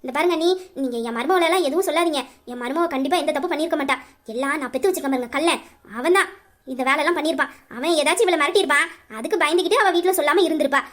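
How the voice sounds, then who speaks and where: Doting middle-aged mother-in-law, voiced by a woman, high, persuasive, audio drama. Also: very fast, fairly bright tone. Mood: defensive. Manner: emphatic, persuasive.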